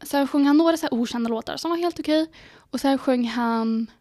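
A teenage girl with a high-pitched voice co-hosts a podcast, chatting casually and telling stories with excitement while acting out her own reactions.

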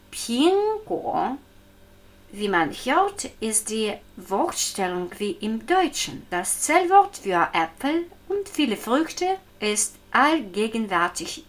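A woman giving a scripted language lesson, speaking slowly and deliberately and repeating each word for practice. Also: a little high. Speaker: language teacher. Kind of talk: slow scripted lesson narration.

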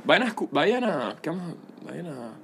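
Venezuelan dude, autotuned voice, chill slangy banter, bit of faint hiss. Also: male voice, on the high side, very animated, moderate pace, gravelly. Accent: Venezuelan, partly softened toward Spain. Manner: laid-back slangy banter. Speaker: podcast co-host, music artist. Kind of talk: casual chat.

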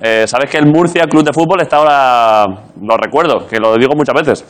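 A man hosting a comic late-night talk show, interviewing guests with quick teasing banter in front of an audience. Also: mid-range voice. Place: theatre studio with audience.

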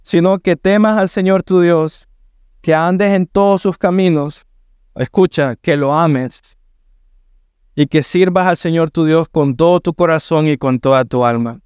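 Middle-aged male pastor, sermon, smooth resonant voice, dry close sound, earnest and emphatic. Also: a little high, darkish tone, no echo. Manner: earnest, rising to emphatic preaching.

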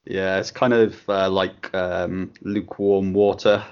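A man co-hosting a casual podcast, with a deadpan, crude sense of humour. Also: low-pitched, slow pace, clean tone. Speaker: podcast co-host. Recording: dull lo-fi home recording.

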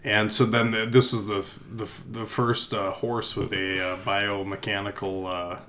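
A man's voice: lowish voice, level tone, unhurried, a bit bright, a little hiss or hum. A man casually improvising a silly story with a friend, rambling with lots of fillers and laughs.

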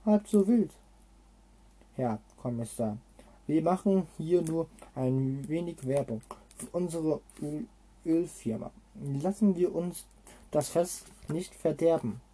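A man reading aloud as a jovial oil company director in a storybook. The voice is very dark and mellow. The reading is slow and halting, with slips he corrects. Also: a little high, animated, breathy edge, full character voice.

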